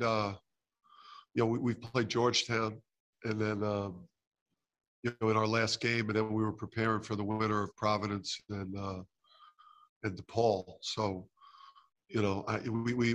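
Halting middle-aged man at a press conference. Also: lowish voice, a bit bright. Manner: halting, many fillers and restarts. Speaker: head basketball coach. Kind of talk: postgame press conference answers. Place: press conference room with sponsor backdrop. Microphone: table mic close in front.

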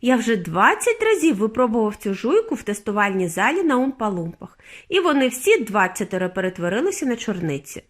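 A woman voicing an eccentric male candy maker who sighs and sounds apologetic, pitched lower than her narration. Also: sing-song, fairly quick. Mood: rueful.

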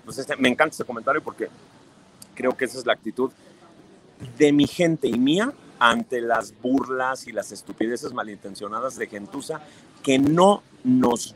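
A man's voice: medium pitch, poor audio. Chatty Mexican man reading live comments. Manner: chatty and affectionate, playful teasing. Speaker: livestream host. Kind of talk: casual live chat, reading viewer comments aloud.

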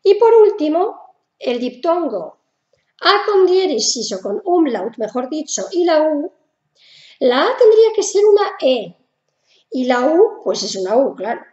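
A woman's voice: high voice, big pitch swings, measured pace, a little mellow, reverberant, highs cut off. A woman with a Spanish accent from Spain teaching German pronunciation in a casual video lesson, patient and repeating each sound.

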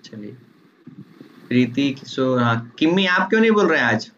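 Jovial teacher with a lilt. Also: male voice, mid-range voice, lively intonation, normal speed, fairly bright tone. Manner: teasing, jovial, calls on students by name. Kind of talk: casual online class. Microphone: video call. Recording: dull online call audio with faint noise.

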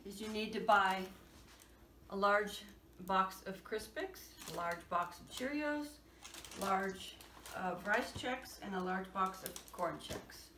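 A woman in her sixties, cooking at home, gives plain step-by-step instructions in a casual demonstration, her mid-range voice taking things slowly. A camera across the kitchen picks her up from far off, so the sound is echoey and the noise loud.

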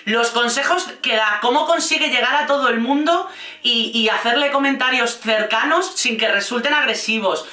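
A woman with a Spain Spanish accent delivers casual, blunt reaction commentary, swearing freely and mocking as she goes. Her voice is bright and sharp. It sits a little away from the mic in a roomy, echoey room. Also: fairly high pitch, moderate pace, distant mic. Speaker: reality TV commentator.

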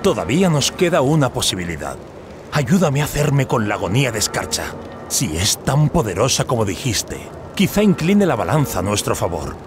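An actor playing a proud, determined young prince in a fantasy game, commanding and declamatory, with game sound behind him. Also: male voice, mid-range voice, big pitch swings, moderate pace, music in the background, lightly acted. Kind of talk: scripted fantasy game acting.

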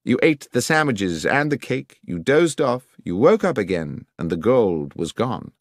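A man voicing a sharp, commanding detective who speaks precisely and with authority. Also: mid-range voice, very animated, a little slow, dry recording, clean studio sound, voice pushed up. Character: sharp, commanding male detective, middle-aged.

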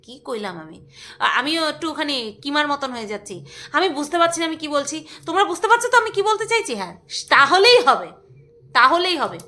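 Very high bright woman rambling on her vlog, casual and giggly. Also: sing-song, fairly quick. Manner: chatty, rambling, laughs often. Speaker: vlogger. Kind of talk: casual chat with snatches of singing.

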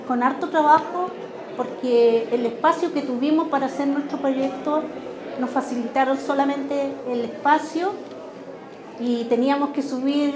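Older woman, earnest, crowd chatter behind. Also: high voice. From Chile. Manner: earnest, grateful, plainspoken. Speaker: president of a retirees' craft workshop. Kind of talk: news interview. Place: indoor exhibition room. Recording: roomy hall with crowd chatter.

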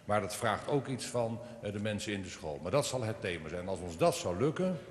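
A man speaking on a conference panel, hesitant with many pauses and fillers, in a large hall. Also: on the low side, lively intonation, slight background noise. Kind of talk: panel discussion. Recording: echoey hall.

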